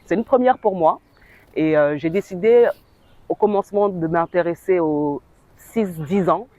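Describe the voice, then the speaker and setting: A woman from French Guiana, an author and actress, telling her story in an interview in a reflective, animated way. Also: lowish voice, unhurried, no echo. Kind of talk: interview testimonial.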